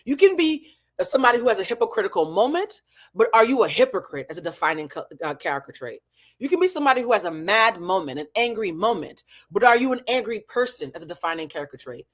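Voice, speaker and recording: In a fast, mid-range voice full of big pitch swings, an American woman from New England recaps a reality show to camera. She's an online show host and emotional intelligence teacher whose opinions come out blunt, profane and emphatic, with points repeated for effect.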